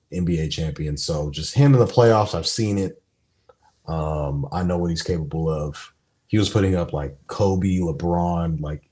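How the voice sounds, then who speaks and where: A man co-hosting a sports podcast, talking casually in a rambling, animated way with lots of fillers. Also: low voice. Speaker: podcast co-host.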